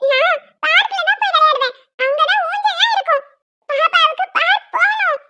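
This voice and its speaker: Cartoon kid: a woman playing a small stubborn girl, very high and bright, bubbly and pleading. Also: animated, normal speed, exaggerated voice. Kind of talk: cartoon voice acting.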